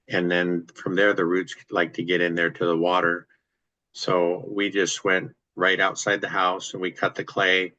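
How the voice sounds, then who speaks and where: Deep, flat-voiced man explaining plumbing. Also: no room sound, muffled recording. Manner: practical, explanatory, easygoing. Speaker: real estate investor host. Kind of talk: casual chat on a video call. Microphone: video call.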